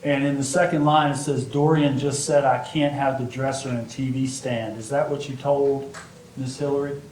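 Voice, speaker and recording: A man working as a defense attorney, questioning a witness in an even, flat delivery with plain-spoken hesitations. The courtroom recording puts him some way off the mic in an echoing room, with a faint hiss underneath. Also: mid-range voice, normal speed. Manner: plain-spoken, a bit self-deprecating, hesitant fillers. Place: large courtroom. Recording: echoey courtroom audio from a distance, faint noise.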